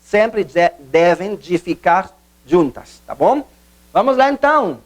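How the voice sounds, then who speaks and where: Guy teaching a video lesson, kinda high voice, bouncy, goes slow and repeats stuff. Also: sing-song. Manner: slow, repetitive, emphatic teacher's explanations. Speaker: Portuguese teacher.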